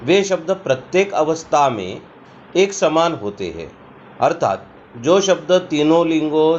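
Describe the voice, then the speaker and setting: A man teaching a Sanskrit grammar lesson for exam prep, explaining slowly and giving example sentences. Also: a little high, dull audio, a little hiss or hum.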